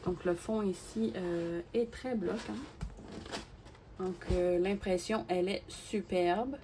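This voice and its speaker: A woman with a fairly low-pitched, slow voice runs a crafting YouTube channel; in this casual chat she unboxes items and gushes, packing her speech with fillers and repetitions. A steady background noise with clicks accompanies her.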